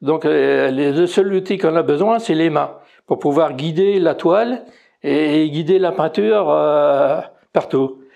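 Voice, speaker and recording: This retired Belgian painter in his sixties, an amateur, speaks on the high side with a creaky, dark tone and a slightly slow delivery. Chatting in a casual interview with a Belgian French accent, he stumbles through fillers and restarts as he discusses his work.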